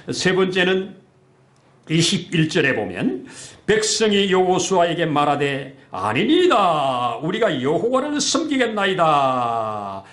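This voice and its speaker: Animated Korean pastor preaching, echoey room. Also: male voice, a little high. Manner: animated preaching, acts out scripture voices. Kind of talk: sermon. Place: church sanctuary.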